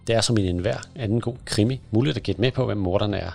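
Give me a man with a gravelly, low voice calmly reading a story and reviewing books. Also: soft background music. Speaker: podcast host, book reviewer.

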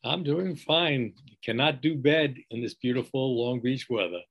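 New york guy in his 60s, kinda husky, rambles with lots of uh's. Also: medium pitch, moderate pace, lo-fi sound. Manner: rambling with many fillers. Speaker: business owner guest. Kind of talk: casual interview chat.

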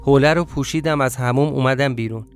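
A man narrating a first-person story in a confiding, reflective way. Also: medium pitch. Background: faint music.

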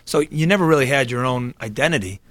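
Guest man in his 30s, quick and rambling, dry close mic. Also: medium pitch, animated, fairly bright tone, dry recording. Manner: rambling, lots of fillers and restarts. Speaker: guest, improv comedian. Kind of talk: casual interview chat.

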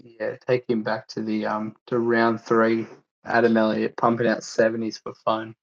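A man's voice: on the low side, monotone, normal speed, creaky. An Australian man chatting casually and in a blokey way as a guest on a sports podcast, on slightly dull lo-fi audio.

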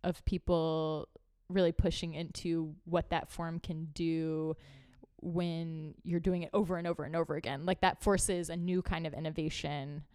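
A woman's voice: deep voice, little pitch movement, moderate pace, dark tone, clear, resonant tone, no echo, studio quality. A woman co-hosting a podcast, musing thoughtfully and casually, hedging her points. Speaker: podcast co-host. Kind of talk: casual chat.

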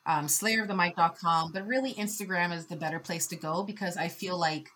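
Here a woman in her thirties talks casually as a podcast guest, her expressive manner alternating between soft, reflective moments and loud laughter. She speaks fairly quickly in a fairly low-pitched voice.

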